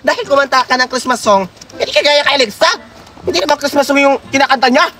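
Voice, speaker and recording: A man putting on the voice of a bossy middle-aged woman who hands out gifts to children and scolds them loudly. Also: fast talker. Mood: mocking. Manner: scolding, shrill, theatrical.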